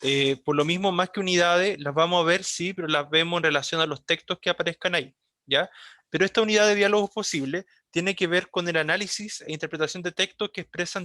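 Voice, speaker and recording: A man, a high school teacher explaining a lesson and often checking in with his class. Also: pushed and bright, no room sound, studio quality. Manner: explanatory, checks in often with a quick tag question.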